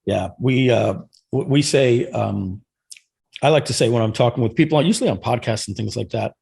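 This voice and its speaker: Gravelly man explaining sales earnestly. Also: medium pitch, normal speed, a little mellow. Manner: earnest explaining, many restarts and fillers. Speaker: podcast guest, marketer. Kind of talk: casual podcast chat.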